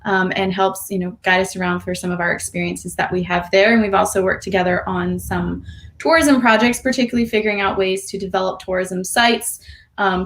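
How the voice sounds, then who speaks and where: Woman, university director, clear and friendly. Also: medium pitch. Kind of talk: self-introduction.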